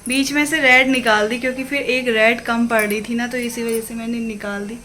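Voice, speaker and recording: A young woman from Uttarakhand talks through her day in a chatty, casual vlog, calling her viewers guys. Her voice is bright and slightly high. The phone recording sits in an echoey room with faint background noise. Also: level tone, fairly quick. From Uttarakhand, India. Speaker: vlogger. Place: home.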